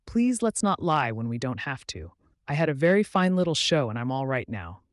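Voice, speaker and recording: A man voicing a tender and fragile young woman in love, speaking softly and pleadingly in an audiobook reading. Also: medium pitch, big pitch swings, normal speed, dry recording, studio quality, lightly acted. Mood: wistful.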